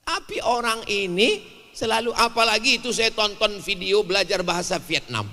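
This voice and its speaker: A man preaching to a crowd, animated, swinging between loud bursts and quiet asides, acting out little dialogues. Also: high-pitched, normal speed. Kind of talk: lively sermon with jokes. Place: large hall at a religious gathering. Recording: hall reverb from a large venue.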